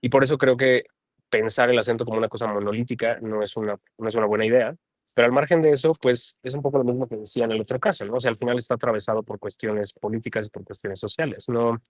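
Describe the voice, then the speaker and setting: A man with a Mexican accent, speaking as an interview guest in a relaxed, thoughtful way and often adding a questioning tag. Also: medium pitch, fast, no echo. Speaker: translator and guest. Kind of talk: casual conversation.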